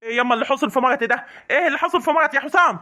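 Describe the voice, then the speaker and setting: A man's voice: very high voice, very fast, sharp tone, full character voice. A man with an Egyptian accent playing an angry young husband who demands answers from his family in a comic drama. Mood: indignant. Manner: indignant, demanding.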